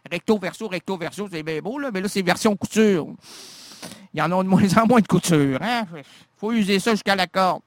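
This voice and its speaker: A man's voice: sits high, normal speed, no room sound. A man with a Québécois French accent, hosting a radio show with a rambling, absurd comic monologue full of stammered restarts. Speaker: radio host. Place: radio studio.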